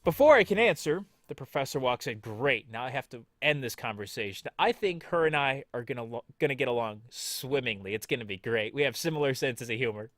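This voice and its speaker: A man's voice: medium pitch, expressive, brisk, few pauses, fairly bright tone, no room sound, clean studio sound, faint music behind. A man hosting a let's play, reading the game's text aloud and joking along with it in a playful, sarcastic way. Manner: playful and sarcastic, jumps into mock voices.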